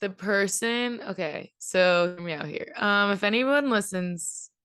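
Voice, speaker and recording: A woman's voice: mid-range voice, a little slow, a bit bright, clean tone. A young woman co-hosting a podcast, chatting casually, giggly and rambling. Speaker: podcast co-host. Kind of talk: casual chat.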